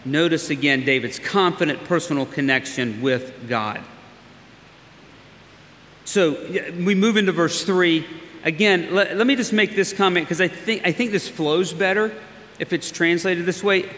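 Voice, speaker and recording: Slow, earnest male preacher in a hall. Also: a little high, a bit bright. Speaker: pastor. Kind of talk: sermon. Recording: long hall reverb, faint hiss.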